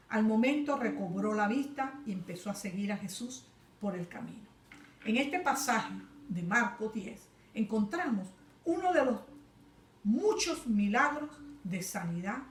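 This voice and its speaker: A woman preaching a fervent sermon, rising at times to loud cries. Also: on the high side. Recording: echoey room, voice far from mic.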